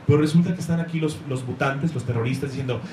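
Talking fast in a dark-toned, mid-range voice, this man rambles and searches for words during an excited comics talk before a live crowd. Faint noise sits under the echo of the room.

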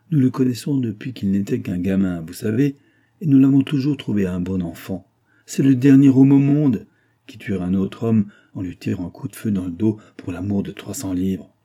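A man's voice: on the low side, mellow, breathy edge. A man reading the part of a hesitant, good-natured male business partner who blusters in defense of his clerk.

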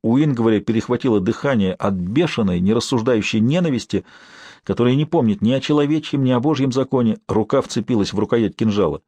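A man narrating an audiobook in a measured storytelling manner, close to the mic. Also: mid-range voice, warm tone, dry recording.

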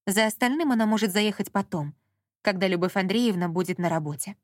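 A woman narrating a story in a calm, even audiobook reading. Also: medium pitch, fairly quick, no echo, studio quality.

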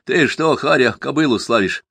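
A man's voice: medium pitch, expressive, normal speed, creaky, bright, forceful tone, husky, no room sound, clean studio sound, pitched above the performer's own voice, heavily acted. A man voicing a poor village peasant who haggles and grumbles in rustic speech. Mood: haggling.

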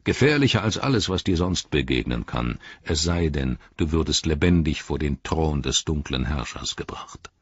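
A man voicing a wise, wry old male wizard in an audiobook, speaking in a measured, solemn way. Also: rumbling low, expressive, slightly rough, no echo, lo-fi sound, heavily acted. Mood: grave. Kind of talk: audiobook reading.

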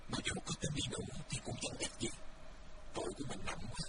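A man voicing a young male martial disciple, earnest and guilt-ridden, speaking in a hushed, brooding way. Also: very high voice, fast, voice pushed up. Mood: anguished. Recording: distant mic, loud background noise.

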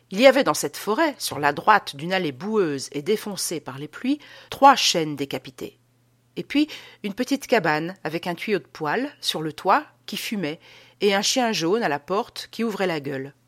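Woman narrating a classic novel, lowish voice. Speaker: audiobook narrator.

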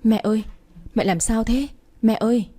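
Woman voicing a young man, heartbroken, tearful, husky. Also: mid-range voice, expressive, quick pace, dark tone. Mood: shocked. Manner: tearful, pleading.

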